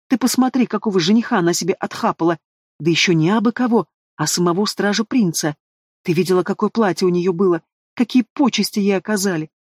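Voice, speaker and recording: A man's voice: sits high, no echo, clean studio sound. A man voicing a spoiled, envious young woman in an audiobook, whining and squealing. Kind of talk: audiobook character voice.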